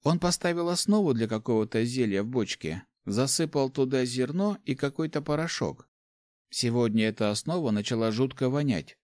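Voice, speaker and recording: A man voicing a young female student who talks slowly and offhandedly. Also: mid-range voice, darkish tone, no room sound, studio quality, voice pushed up, close to an everyday voice. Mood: offhand.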